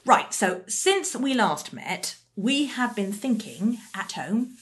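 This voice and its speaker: A woman's voice: a little high, sing-song, slow pace. A woman co-hosting a podcast, chatty and enthusiastic. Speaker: podcast co-host. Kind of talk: casual podcast chat.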